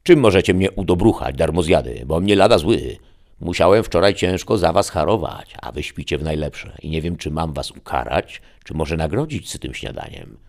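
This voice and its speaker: A man with a deep, gravelly voice playing a gruff middle-aged clan father who loudly scolds his sons in a storybook reading. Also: moderate pace, few pauses, heavily acted. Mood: scolding. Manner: loud, scolding.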